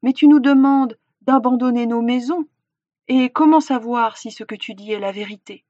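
A woman's voice: a little high, normal speed, warm tone, no echo, natural voice. An old village elder in a storybook questions the young man with doubt, as a woman narrator puts him on. The recording is dry and somewhat dull. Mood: doubtful.

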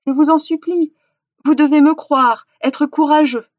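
An earnest young hunter from a storybook cries out his warnings in a high, strained voice, voiced by a woman narrator. The recording is dull and dry. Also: fairly even intonation, moderate pace, breathy edge, no room sound. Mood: pleading. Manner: pleading, raises voice high and loud. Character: young male village hunter, earnest and desperate.

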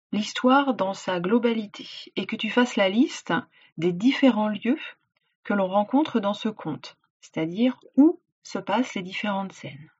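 A woman teacher reading a folk tale aloud and explaining words and tasks clearly to a child, in a dull lo-fi recording. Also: medium pitch, darkish tone. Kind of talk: read-aloud storytelling and instructions.

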